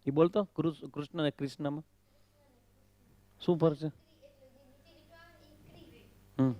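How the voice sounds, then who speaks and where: A man's voice: fairly high pitch, fairly even intonation, normal speed, warm tone. A swami teaching correct Sanskrit pronunciation of the Gita, drilling syllables over and over, questioning his students and slipping in English phrases. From Kutch, Gujarat.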